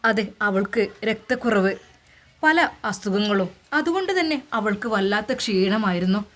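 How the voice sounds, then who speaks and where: A woman's voice: mid-range voice, fairly bright tone, a little hiss or hum, rough recording. A woman with a Malappuram accent narrating a moral story in a dramatic telling style. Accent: Malappuram Malayalam. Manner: dramatic, repeats "and then, look".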